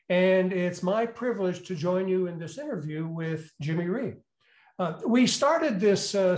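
Man, high voice, interviewer, hesitant uhs and restarts, echoey room. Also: darkish tone. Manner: hesitant, many filler uhs and repeated words. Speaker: interviewer, university executive in residence. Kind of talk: hosted interview. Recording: roomy echo.

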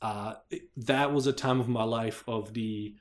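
A man's voice: lowish voice, steady tone, unhurried. A man co-hosting a podcast, talking casually in a rambling, hesitant way with lots of fillers and restarts. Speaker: podcast co-host. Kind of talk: casual chat.

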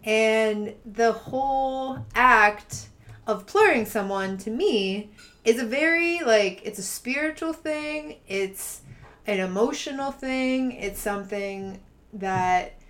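A woman's voice: on the high side, takes it slowly, a bit bright. A woman co-hosting a podcast, talking in an earnest, emphatic way and laughing easily. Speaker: podcast co-host. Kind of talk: casual chat.

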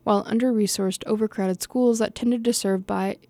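A woman's voice: medium pitch, fairly even intonation, normal speed, warm tone, dry recording. A young woman reading her own essay aloud, casual and self-correcting, laughing off her own slips and restarting lines. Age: young adult.

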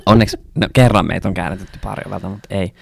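A man's voice: sits low, fairly even intonation, gravelly. A young man co-hosting a casual podcast chat, swearing freely and acting out stories with quoted dialogue. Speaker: podcast co-host.

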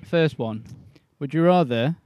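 A man co-hosting a podcast, reading out questions in a relaxed, offhand casual chat. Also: a little high, measured pace, dry recording, muffled recording. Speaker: podcast co-host asking questions.

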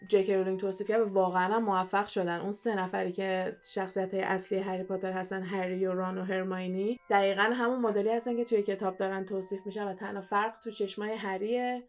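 A young woman co-hosting a casual podcast, talking quickly with lots of fillers and restarts. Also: medium pitch, flat delivery. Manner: chatty, fast, many fillers and restarts. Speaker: podcast co-host.

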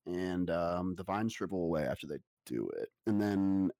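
A man in a tabletop game session, chatting casually, joking and animated as he plays. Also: low-pitched, normal speed. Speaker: player.

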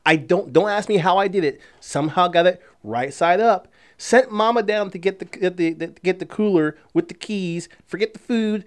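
A middle-aged man, a podcast co-host, telling a story in casual chat and acting out shouts and voices as he goes. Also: high-pitched, moderate pace, hardly any pauses.

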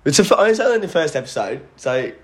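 A man's voice: a little high, big pitch swings, fast. Blokey young Australian man, casual podcast banter. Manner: blokey, laid-back slangy banter. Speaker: podcast host. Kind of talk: casual chat. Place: at home, phone on a table. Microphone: phone lying on table.

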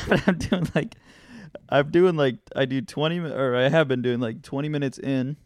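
A man co-hosting a podcast, telling a funny story in a casual, animated way with lots of laughter. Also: medium pitch, moderate pace, dry recording. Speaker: podcast co-host.

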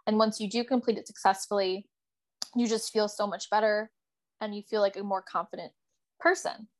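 A woman's voice: mid-range voice, steady tone, moderate pace. A young woman co-hosting a podcast, telling a story in casual chat with lots of filler words. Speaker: podcast co-host.

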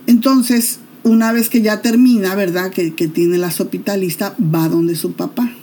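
Mellow-voiced woman telling a Bible story. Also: mid-range voice, steady tone, a little slow, slight background noise. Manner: chatty, with asides and filler tags.

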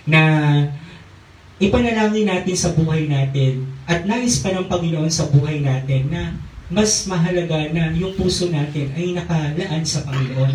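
A pastor with a high-pitched voice preaches a sermon on a handheld mic in a church hall, peppering it with hallelujahs and amens in call-and-response fashion. The echoey church audio is picked up from far off, with background noise.

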